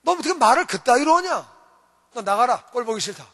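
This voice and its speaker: A man voicing a domineering male president who scolds and barks orders, in a high bright voice with long hall reverb. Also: sing-song, fast, breathy edge, exaggerated voice. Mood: angry. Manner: barking, scolding.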